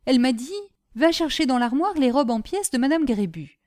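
A woman's voice: high voice, lively intonation, normal speed, dark tone, voice pushed up. A woman reading aloud, voicing Gribouille, a simple-minded, earnest young peasant boy who tells his tale eagerly. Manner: naive, eager, breathless storytelling.

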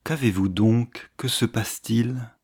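A man reading the lines of an earnest, devoted young gentleman who presses with urgent questions in an audiobook. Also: mid-range voice, measured pace, husky.

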